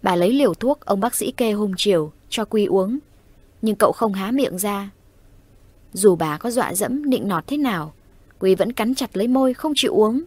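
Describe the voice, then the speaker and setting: A woman narrating a ghost story in a steady storytelling voice. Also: mid-range voice, moderate pace, breathy edge, no echo. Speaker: audiobook narrator.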